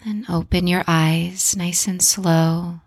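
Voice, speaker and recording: A woman softly guiding a breathing relaxation in a soothing, unhurried manner, as a podcast host and yoga guide. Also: fairly low pitch, fairly even intonation, dry recording.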